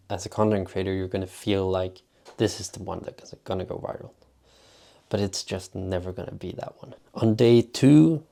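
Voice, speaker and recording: Gravelly low-voiced vlogger man. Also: darkish tone. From Sweden. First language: Swedish. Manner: rambling, filler-heavy with constant "like". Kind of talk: casual vlog talk.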